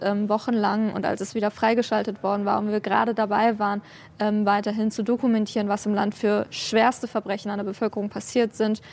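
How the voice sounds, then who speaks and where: A German woman, a journalist and human rights activist, explains things as an interview guest, often humming hesitantly between clauses. Her mid-range voice is a little mellow.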